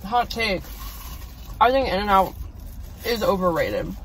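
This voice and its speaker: A young woman, the host's daughter and co-reviewer, gives her frank, opinionated take on food in a casual chat from a parked car. Her medium-pitched voice is very animated, slow and fairly bright, with a candid, laid-back manner. A phone camera on the dashboard picks her up from a bit of a distance, with slight background noise.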